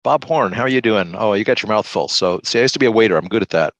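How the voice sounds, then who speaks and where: A man hosting a group video call, relaxed and halting, with many fillers. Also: lowish voice, no echo, lo-fi sound. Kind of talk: casual group check-in.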